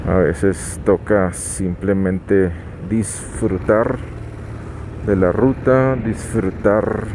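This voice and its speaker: A calm motovlogger with a fairly low voice narrates while riding a motorcycle on an outdoor highway, with road and wind noise in the recording. He gives advice in an unhurried way, restarting his sentences now and then.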